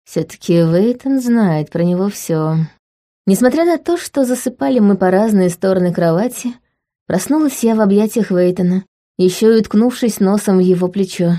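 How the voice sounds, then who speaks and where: A woman narrates a first-person romantic fantasy novel in an even, measured reading. Her tone is mellow and dark, with a middling pitch. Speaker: audiobook narrator.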